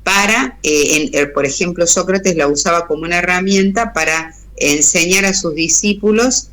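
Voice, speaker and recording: Bright-voiced Argentine woman explaining on radio. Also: on the low side, normal speed, a little hiss or hum. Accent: Argentine Spanish. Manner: thoughtful, frequent hesitations and restarts. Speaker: radio guest speaker. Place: radio studio.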